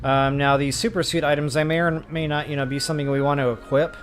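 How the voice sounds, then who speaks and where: A fast-talking game walkthrough host with a fairly high, fairly flat voice narrates his play in a casual, folksy way. He thinks aloud and explains informally as game music plays behind him.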